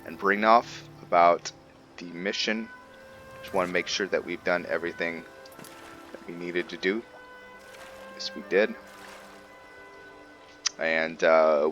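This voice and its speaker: This male gameplay host speaks in a low, slightly bright voice. He talks casually to his audience, musing out loud as he delivers relaxed roleplay commentary.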